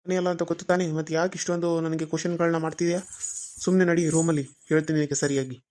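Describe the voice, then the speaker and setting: Lady doing a gruff cartoon husband, low voice, snaps fast and dismissive. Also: fairly even intonation, darkish tone, close to an everyday voice. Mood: irritated. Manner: brusque, dismissive. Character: curt impatient young husband Tarun. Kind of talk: cartoon serial dubbing.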